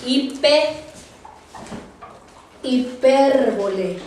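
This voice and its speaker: A woman teaching a Bible class, speaking haltingly, repeating words and often checking in with her listeners. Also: high voice, a little mellow, slight background noise. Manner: halting, repeats words, tags phrases with "¿verdad?"; spells words out slowly for note-taking. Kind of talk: Bible study lecture. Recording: very echoey room, distant mic.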